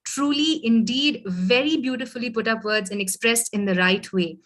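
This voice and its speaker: A woman's voice: fairly high pitch, moderate pace, a bit bright. A woman hosting an online poetry event in a polite, formal way.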